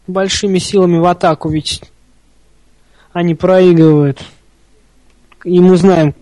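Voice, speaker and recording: A man's voice: high voice, a little mellow, no echo, rough recording. A man giving informal live hockey play-by-play as an openly partisan, chatty fan of one side. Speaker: hockey commentator.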